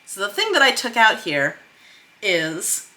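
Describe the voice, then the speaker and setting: Her voice sits at medium pitch, sing-song, bright and forceful, moving a little slowly. This woman, a screenwriter and director, explains script revision casually on a vlog, musing aloud with emphasis and self-deprecating humor.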